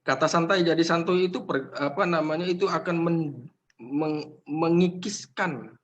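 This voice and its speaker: Man, middle-aged, Indonesian accent, university lecturer, classroom lecture, lively, joking, teasing students. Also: a little high, unhurried, dull audio.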